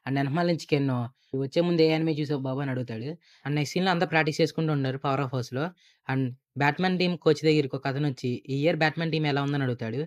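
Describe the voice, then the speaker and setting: A young man narrating a casual anime episode recap, rapidly retelling the story and reading out every character's lines. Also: a little high.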